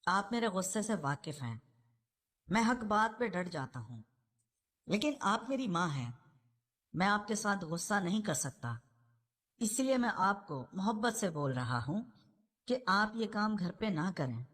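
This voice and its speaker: A woman's voice: mid-range voice, big pitch swings, fairly bright tone. A woman voicing a young man in a novel reading, an earnest son who presses his point. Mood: indignant.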